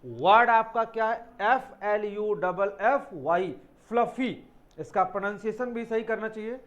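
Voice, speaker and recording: A man with a high-pitched voice teaches English spelling for exam preparation. He explains each word step by step and spells words out letter by letter, calling his students children. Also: moderate pace, a bit bright, muffled recording.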